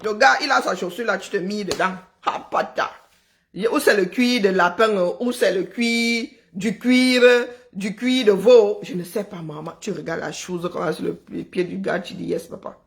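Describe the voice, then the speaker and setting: A woman hosting a live stream, talking in an animated, sarcastic, chatty way. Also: mid-range voice, normal speed, gravelly. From Cameroon. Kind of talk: casual live commentary.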